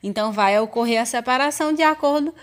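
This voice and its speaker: A woman's voice: a little high, fast. A young adult woman with a Brazilian Portuguese accent, teaching a recorded school lesson and explaining step by step while pointing out examples.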